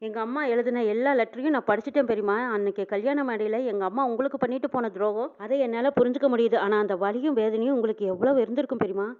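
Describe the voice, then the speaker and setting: A woman quickly retelling a TV serial episode, voicing each character's lines in her own storytelling voice. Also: on the high side. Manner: quick storytelling with reported speech. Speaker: serial recap narrator. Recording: phone-like narrow sound.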